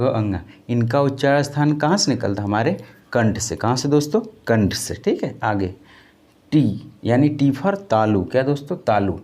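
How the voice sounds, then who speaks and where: Male teacher, exam-prep lecture, mellow dark voice, call-and-answer drilling, repeats terms as questions. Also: medium pitch. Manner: repeats key terms back as questions to students; drills by call and answer, addressing viewers as friends.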